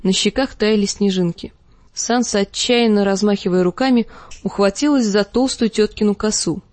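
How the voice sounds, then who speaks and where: A woman reading an audiobook aloud as expressive, dramatic narration. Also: medium pitch, moderate pace, dry recording. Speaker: audiobook reader. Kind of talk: scripted narration.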